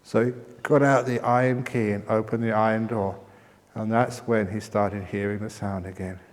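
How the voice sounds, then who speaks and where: A middle-aged monk giving a dharma talk at a retreat, telling stories in a playful way. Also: male voice, lowish voice, flat delivery, moderate pace. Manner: storytelling, breaks into laughter. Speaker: meditation teacher monk. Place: meditation hall at a retreat. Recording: long hall reverb.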